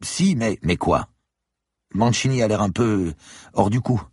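Guy putting on a young student, cagey and offhand, husky, raised pitch, dry. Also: expressive, a little slow, darkish tone, no room sound. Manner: offhand and defensive. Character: evasive young male university student.

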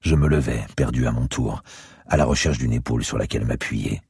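A man narrating a dark thriller in the first person, his voice extremely deep and full of gravelly fry. The tone is husky and breathy, and the recording is close and completely dry. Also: a little fast, no echo. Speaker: audiobook narrator.

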